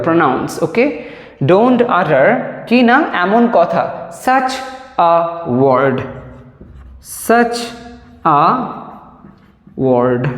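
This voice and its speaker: A man teaching a spoken English lesson, explaining each sentence, then reading the examples out slowly and drawing them out. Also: high voice. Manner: slow, drawn-out dictation of example sentences. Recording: echoey room with long reverb.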